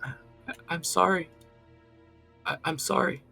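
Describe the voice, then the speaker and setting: A man's voice: a little high, soft background music, voice pushed up. A man doing a timid, tearful young woman. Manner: stammering, soft and halting.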